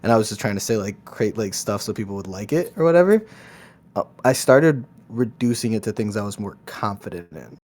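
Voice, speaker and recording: Lower-voiced man telling a story hesitantly. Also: lively intonation, fairly quick, a little mellow. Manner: hesitant storytelling with many restarts. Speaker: podcast co-host. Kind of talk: casual chat.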